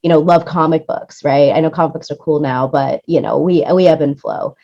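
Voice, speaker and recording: A woman with a low, brisk voice speaks as an interview guest, recorded with dull audio. She's a music supervisor and producer, explaining things in a chatty, conversational way and checking in with the listener as she goes, often tagging her points with "right?".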